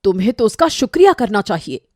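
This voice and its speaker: Woman voicing a calm young son. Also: mid-range voice, fairly quick, dry recording, studio quality. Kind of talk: cartoon voice acting.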